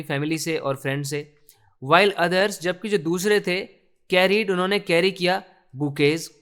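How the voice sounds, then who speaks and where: A man teaching English from a newspaper, reading each phrase slowly and explaining it in Hindi. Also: on the high side, fairly bright tone, clean tone. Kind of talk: explaining a newspaper text line by line.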